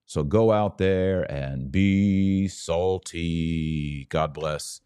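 This religious podcast host has a low-sitting voice with a warm, clean tone. He speaks in earnest exhortation, repeating himself intentionally as a preacher would to his audience.

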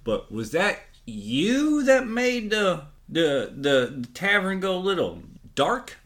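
Man playing a stammering polite gentleman. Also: sits high, big pitch swings, slow pace, voice pushed up, full character voice. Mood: hesitant.

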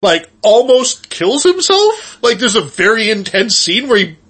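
A man's voice: high-pitched, big pitch swings, measured pace, a bit bright, slightly rough. A man co-hosting a podcast in casual chat, talking in a rambling, conversational way. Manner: rambling, conversational, often saying "like". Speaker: podcast co-host.

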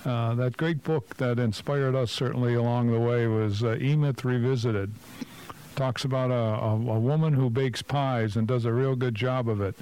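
Male radio co-host, medium pitch, blunt opinionated business coach thinking aloud. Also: fairly even intonation, moderate pace, a little mellow, clear, resonant tone, poor audio. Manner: blunt, opinionated, asks rhetorical questions. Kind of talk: casual radio talk show commentary.

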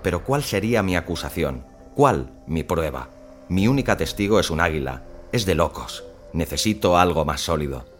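A man reading a first-person suspense story in a measured, tense storytelling manner. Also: low voice, lively intonation, soft background music. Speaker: narrator.

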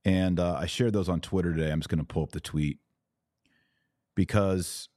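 In a dry recording with hardly any room ambience, a podcast host with a low, warm, steady voice argues his religious opinions at a normal pace. He makes his points forcefully, stretching out key words for emphasis.

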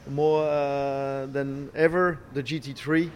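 A middle-aged man, not a native English speaker, answering interview questions haltingly, searching for words and repeating phrases. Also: mid-range voice, flat delivery. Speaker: racing team boss, former driver. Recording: clear background noise, ambient sound.

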